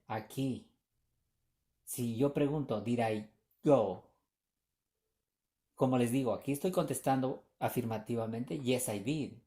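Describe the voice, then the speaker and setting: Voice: mid-range voice, dark tone. An English teacher giving a recorded grammar lesson, explaining patiently, repeating examples and often checking whether students follow.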